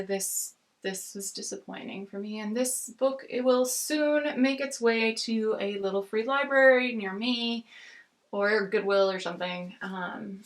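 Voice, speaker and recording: An American woman chatting casually about books as a video reviewer, rambling and haltingly rephrasing as she goes. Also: a little high. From United States. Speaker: book reviewer on a video channel. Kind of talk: casual book chat to camera.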